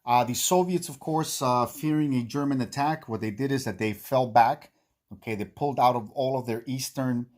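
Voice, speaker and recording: A man hosting a board-game series, giving a casual recap in a halting way, repeating himself and checking in with "okay". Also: mid-range voice, a little mellow. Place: indoor home game room he calls the bunker.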